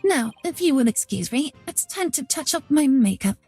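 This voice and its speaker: A woman's voice: sits high, expressive, moderate pace, warm tone, soft background music. A woman reading aloud as a vain, theatrical man obsessed with beauty. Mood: haughty. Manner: haughty, theatrical. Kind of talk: reading game dialogue aloud.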